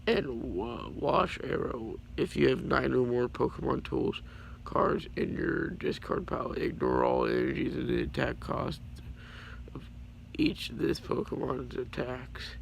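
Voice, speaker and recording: A teenage YouTuber, raspy from being sick, presents his trading card collection at a measured pace yet sounds very animated. He rambles apologetically and stumbles over card names throughout this casual showcase. It's low-quality home audio with faint background noise.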